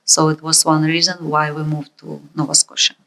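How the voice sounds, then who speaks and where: A woman from the former Soviet Union speaking haltingly in an oral history interview. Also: sits low, monotone, vocal fry, bright, forceful tone.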